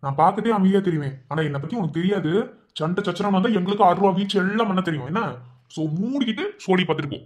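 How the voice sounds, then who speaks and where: A man voicing a hot-tempered young village bully in an animated cartoon, threatening and taunting in a Madurai Tamil accent. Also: high voice, quick pace, close to an everyday voice. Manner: taunting, threatening, rural slang.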